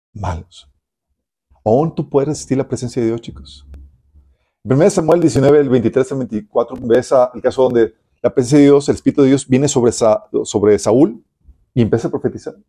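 A man's voice: medium pitch, breathy edge. A man preaching to young people, asking them rhetorical questions. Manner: animated, addresses listeners directly with rhetorical questions. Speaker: youth pastor. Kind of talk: sermon.

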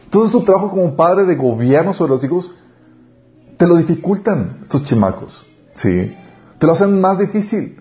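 A man preaching a sermon on parenting, lively, acting out family dialogues. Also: high voice, normal speed, faint music behind. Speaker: pastor. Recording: dull lo-fi recording.

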